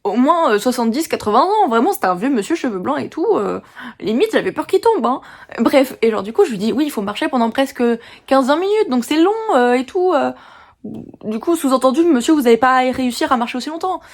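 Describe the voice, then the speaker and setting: A teenage girl from France telling a story in a chatty, animated vlog, venting about her day. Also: sits high, fairly quick. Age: teens. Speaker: vlogger.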